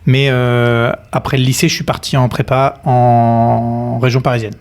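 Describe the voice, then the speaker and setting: A man in his thirties speaks at a middle pitch with a gravelly, creaky edge. He is a podcast guest who answers in a relaxed, casual way. He hesitates often, with fillers and restarts. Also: measured pace. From France, Nantes. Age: 30s. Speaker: guest, company cofounder.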